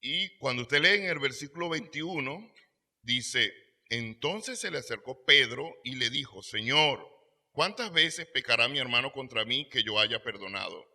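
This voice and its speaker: A man's voice: medium pitch, lively intonation, a little slow, sharp tone. A man preaching a sermon as pastor, reading scripture aloud and swelling his volume for emphasis.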